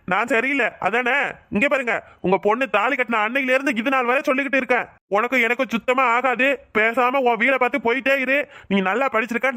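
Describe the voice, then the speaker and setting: A man's voice: very high-pitched, bright, forceful tone, dry recording, clean studio sound. A man voicing a defiant young husband in a cartoon, ranting indignantly. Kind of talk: cartoon voice acting.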